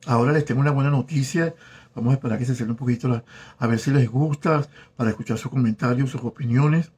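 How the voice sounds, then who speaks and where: Brief: man, 40s, husky mid-pitched voice, affectionate live-stream host reading out names. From Venezuela. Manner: warm, flirtatious, reads viewer names aloud haltingly. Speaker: host of a live stream chat, former telenovela actor. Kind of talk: casual live-stream chat reading comments. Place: home in South Florida.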